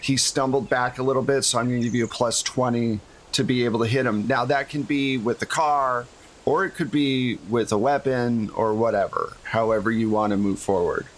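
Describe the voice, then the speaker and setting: Here a man acts as game master for a tabletop role-playing game, casually explaining the rules and setting scenes as in an actual-play session. His mid-range voice keeps fairly even intonation at a moderate pace, and a little hiss or hum sits under the recording.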